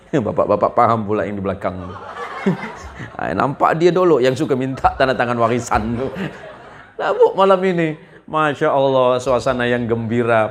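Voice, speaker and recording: A man from Indonesia, preaching a humorous sermon to a village gathering, telling jokes and acting out the voices in his stories. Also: medium pitch. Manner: joking storyteller, acts out dialogue voices.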